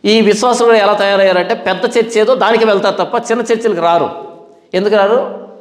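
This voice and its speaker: A man's voice: high-pitched, fairly quick. A male pastor preaching a sermon in colloquial style, asking questions and answering them himself. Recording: echoey hall reverb.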